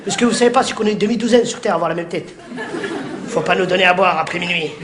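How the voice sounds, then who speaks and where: High-voiced man doing live stand-up. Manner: rapid teasing banter, shouted punchlines. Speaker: stand-up comedian. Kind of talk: live stand-up comedy with crowd work. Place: theatre stage before a live audience. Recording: live show with audience laughter and noise.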